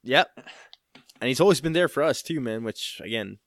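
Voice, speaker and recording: A man's voice: mid-range voice, expressive, moderate pace, no room sound, studio quality. A man co-hosting a podcast in casual, conversational talk. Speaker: podcast co-host. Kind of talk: casual chat.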